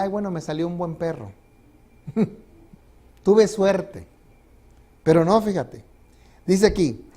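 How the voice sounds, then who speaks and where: Pastor guy preaching in church, kinda high voice, warm tone, keeps asking the crowd stuff. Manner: conversational, asks the congregation questions and laughs. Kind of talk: sermon. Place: church sanctuary.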